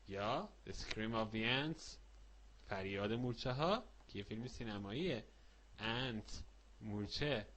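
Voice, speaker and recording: Male children's-lesson teacher, very animated pitch, slow repeated word drills, quizzing and praising young listeners. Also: a little hiss or hum. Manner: lively, repeats each word slowly with stretched pronunciation; asks the listener questions and praises answers.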